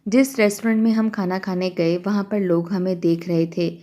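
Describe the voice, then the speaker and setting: A woman telling a first-person story in a steady, confiding way. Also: fairly low pitch.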